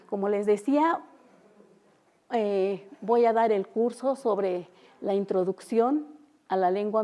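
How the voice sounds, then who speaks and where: A young woman who speaks Mixtec natively, teaching an unscripted language class in an auditorium, halting with many fillers and repeating example sounds. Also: mid-range voice, dark tone. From Oaxaca, Mexico. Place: university auditorium.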